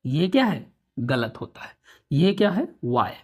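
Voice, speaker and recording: A man teaching pronunciation, repeating words slowly and checking that students follow. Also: high voice, very animated, a little mellow. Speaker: English teacher. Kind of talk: Hindi-English spoken lesson.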